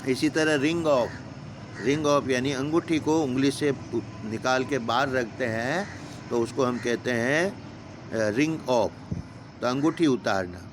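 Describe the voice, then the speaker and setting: A man's voice: medium pitch, slow pace, noisy background. A man teaching a vocabulary lesson to young pupils, patiently spelling each word letter by letter and giving its meaning. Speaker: school teacher.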